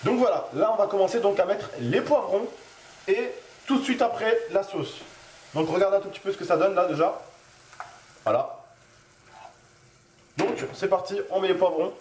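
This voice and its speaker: A man's voice: high-pitched, normal speed, pauses often. A man hosting a casual cooking demonstration, chatty and joking as he talks straight to the viewers, with a pan sizzling. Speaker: cooking video host. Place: home kitchen. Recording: roomy kitchen with frying noise.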